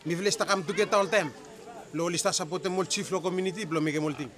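A man's voice: high voice, fast, a bit bright. A man in his thirties with a ni-Vanuatu accent speaking hesitantly to camera in Melanesian pidgin, unscripted. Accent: ni-Vanuatu Bislama, Melanesian pidgin similar to Solomon Islands Pidgin. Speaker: interviewee. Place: outdoors in a village ceremony ground. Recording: outdoor field recording with crowd noise. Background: crowd at a ceremony.

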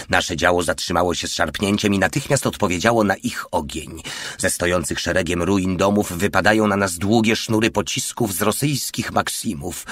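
Deep husky male audiobook narrator. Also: no echo, clean studio sound.

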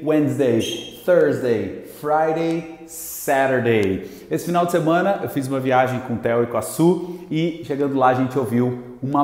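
A man teaching an English lesson to camera, energetic and slowing down to model each word. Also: on the high side. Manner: lively, slows down to model English words. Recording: echoey room with long reverb.

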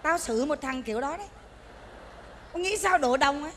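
A woman's voice: high voice, lively intonation, normal speed, fairly bright tone, a little hiss or hum. Bossy woman scolding. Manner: bossy, scolding, northern speech. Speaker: stingy funeral host hiring mourners. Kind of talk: stage comedy sketch. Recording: stage recording in a reverberant hall.

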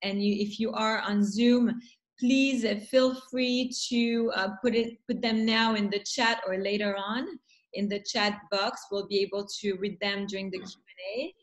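A woman with a French accent, a festival founder introducing guests on a video call, talking with many pauses and fillers. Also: mid-range voice, fairly even intonation, rough recording. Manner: hesitant, many fillers, warm welcoming. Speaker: festival founder hosting a panel.

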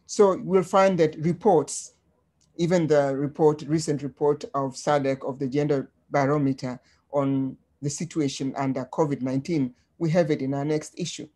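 A woman from Tanzania presenting slides on a webinar in a measured way, with frequent ums, over a video call. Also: sits low, fairly even intonation, mellow.

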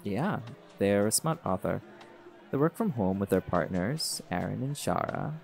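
With a lowish, unhurried voice full of lively intonation and vocal fry, a man performs a scripted roleplay monologue as a chill, cocky male jaguar shifter and pack alpha. He teases casually while party music plays in the background.

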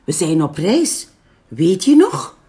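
A woman reading a picture book aloud, voicing a calm, kind male hedgehog who knows the road. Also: on the low side, slow pace. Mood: reassuring.

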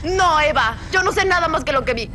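Very high-pitched, tearful young woman. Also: animated, fairly quick, very noisy. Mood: tearful, accusing. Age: young adult. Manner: emotional, indignant, accusatory. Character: defiant, tearful younger woman lashing out at Eva. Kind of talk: telenovela acting. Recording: dramatic music behind the dialogue.

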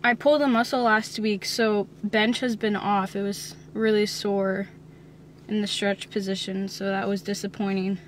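With background noise around her, a twenty-something woman speaks at normal speed in a flat, medium-pitched voice. She's a fitness vlogger casually addressing her phone camera at home, chatty yet a little self-conscious. The handheld phone sits at arm's length as she records in home rooms, a gym room and a parked car.

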